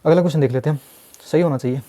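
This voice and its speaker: Rapid-fire and warm, a man with a slightly high voice solves mock test reasoning questions step by step for exam students. He is repetitive and coaxing, constantly checking they follow by asking "samjhe?".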